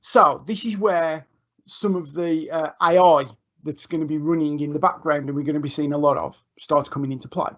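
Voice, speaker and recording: During a live screen-share tutorial, a man with a fairly high voice demos software for teachers at a normal speed and with a steady tone. He chats informally with plenty of ums, restarts and self-corrections. The audio is muffled, dull and lo-fi, like a live online stream.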